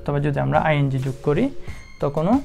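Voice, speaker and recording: A woman with a deep, slightly gravelly voice explains English spelling rules in a patient classroom manner. She spells words out letter by letter, pausing often with soft fillers. Quiet music plays underneath. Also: expressive. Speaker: English teacher. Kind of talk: spelling lesson explained in Bengali.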